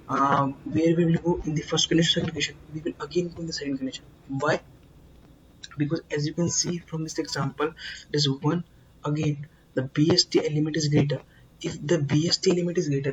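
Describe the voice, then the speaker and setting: A man teaching a coding lesson, explaining slowly and emphatically, repeating words and filling pauses with "uh". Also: fairly high pitch, lo-fi sound, background noise. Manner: slow, repetitive, emphatic explaining with many fillers. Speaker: programming tutor.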